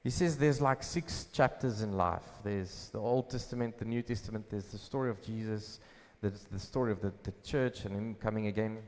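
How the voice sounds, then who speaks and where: A pastor preaching a sermon at a pulpit microphone, asking questions and answering them himself with emphasis. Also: male voice, lowish voice, moderate pace, few pauses, darkish tone. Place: church hall. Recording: long hall reverb.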